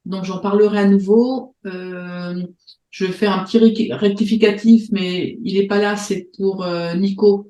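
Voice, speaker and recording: Une femme qui anime une réunion en ligne et présente sur un ton détendu, avec beaucoup d'hésitations et de reprises. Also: female voice, mid-range voice, steady tone, a little slow, warm tone, echoey room, low-quality recording. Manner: hesitant, many fillers and restarts. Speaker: host of an online meeting. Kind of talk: casual presentation on a video call. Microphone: video call.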